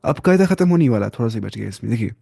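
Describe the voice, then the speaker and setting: Give me a man teaching Quran reading on a video call, with a gravelly, dark, dry voice. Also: mid-range voice, expressive, dry recording. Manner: patient, explains by repeating terms. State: sleepy. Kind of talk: live online class teaching.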